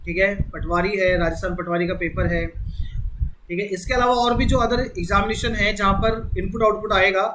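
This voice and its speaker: A man's voice: high voice, fairly even intonation, moderate pace, noisy background. A man teaching an exam-prep lesson, explaining step by step and repeating key words. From India. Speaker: reasoning teacher. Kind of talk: exam-prep classroom lecture.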